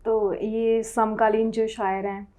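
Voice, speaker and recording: Female host interviewer, a bit high-pitched, polite and measured. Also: level tone, mellow. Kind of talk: interview questions.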